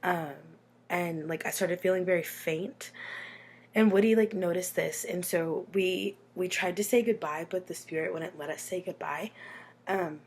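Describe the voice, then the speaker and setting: A woman's voice: on the low side, unhurried, darkish tone, breathy edge. An American woman with a runny nose from being sick, telling a personal story in a casual, chatty, informal way with dramatic asides. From Texas, United States.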